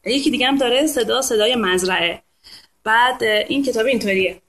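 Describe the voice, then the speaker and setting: A woman's voice: on the high side, fairly bright tone. Chatty woman hosting a live talk. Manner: chatty, playful, imitates animal sounds. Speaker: host of a live talk on reading to babies. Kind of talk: casual live talk to an online audience.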